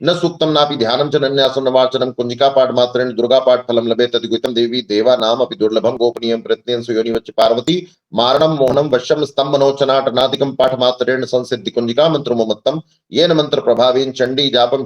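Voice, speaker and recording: A man's voice: mid-range voice, muffled recording. A man interviewed as a guest on a podcast, explaining devotional practice with frequent hesitations and reciting Sanskrit verses fluently. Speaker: guest, astrologer and tantra practitioner.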